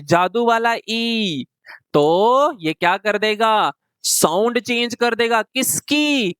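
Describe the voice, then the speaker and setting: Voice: mid-range voice, a bit bright, smooth, no room sound. Patient phonics teacher, dry close recording. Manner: slow, question-and-answer explaining. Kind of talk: classroom phonics lesson.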